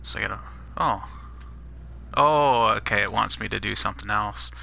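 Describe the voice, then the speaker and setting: Gravelly and sharp-toned, this man speaks on the low side at a moderate pace, with a bit of background noise. While exploring a custom map in a shooter, he offers easygoing let's-play commentary, muttering at whatever he turns up.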